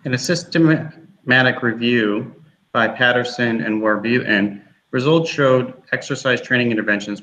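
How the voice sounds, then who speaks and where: A man reads his part of a class presentation in a steady, scripted way. His voice is lowish but bright. The recording sounds roomy and muffled. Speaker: graduate student presenter.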